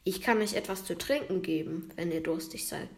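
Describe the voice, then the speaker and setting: A woman voicing a gruff, suspicious male bear in a children's story, speaking in a grumbling, growly way. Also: fairly low pitch, brisk, close to an everyday voice.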